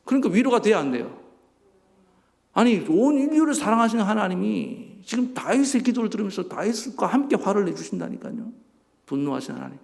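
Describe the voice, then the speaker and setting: A man preaching a sermon as a pastor, animated, acting out voices and asking the congregation questions. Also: high-pitched, vocal fry. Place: church sanctuary. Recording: church hall reverb.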